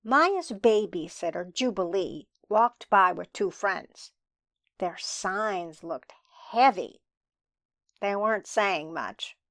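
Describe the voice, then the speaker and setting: A woman reading a picture book aloud for a children's sermon, slowly and expressively. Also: medium pitch, dry recording, studio quality. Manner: slow, expressive storybook reading.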